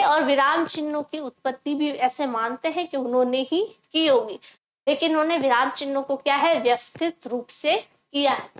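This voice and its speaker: A woman's voice: high-pitched, fairly bright tone, low-quality recording. A woman teacher explaining a grammar lesson step by step, asking the class questions and answering them herself. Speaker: Hindi teacher.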